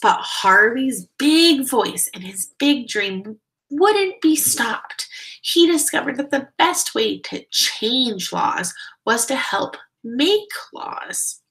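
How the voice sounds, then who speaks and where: A kindergarten teacher leads a read-aloud lesson, explaining things simply and steering the young children with questions. She phrases things deliberately and emphatically in a slightly high, sing-song, somewhat bright voice.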